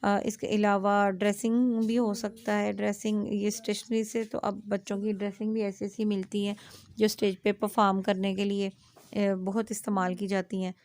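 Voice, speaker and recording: A woman's voice: mid-range voice, level tone, darkish tone. A young adult woman teaching an Urdu writing lesson, explaining step by step and spelling words letter by letter, often checking with her students. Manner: frequent "aa" fillers, asks "theek hai?". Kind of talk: classroom lecture.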